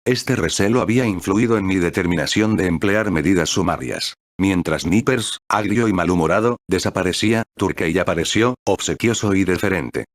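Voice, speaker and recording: Deep-voiced male story narrator. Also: dry recording, clean studio sound. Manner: measured, steady reading.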